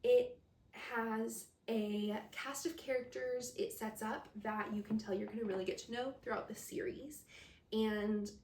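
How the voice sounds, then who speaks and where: Chatty, gushing woman reviewing books, a touch high-pitched, mic set back from her. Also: animated, measured pace, darkish tone. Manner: chatty and gushing, with frequent laughs. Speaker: book reviewer. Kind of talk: casual chat. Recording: roomy sound from a distant mic.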